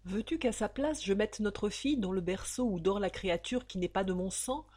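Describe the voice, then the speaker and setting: A woman with a husky voice playing a scheming, commanding count who urgently presses his lover to go along with his plan, in an audiobook of a novel. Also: mid-range voice, normal speed, darkish tone, natural voice. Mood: persuasive. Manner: urgent, insistent pleading.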